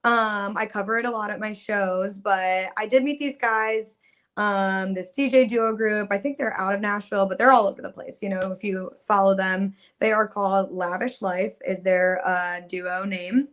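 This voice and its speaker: The speaker is a young woman and singer, talking upbeat and chatty as a podcast guest, with frequent "um"s and "like"s. Her voice is mid-range, fairly bright, and steady, moving at a moderate pace.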